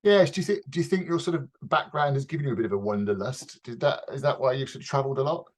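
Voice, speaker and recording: A man's voice: medium pitch, fast talker. A man hosting a radio interview, chatty and jokey, with theatrical asides. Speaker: radio host.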